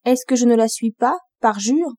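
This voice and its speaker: A woman's voice: fairly high pitch, moderate pace, mellow, dry recording, close to an everyday voice. A woman reading the lines of a spoiled young princess in a storybook, reproachful and insulting. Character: ugly spoiled young princess, angry and scornful.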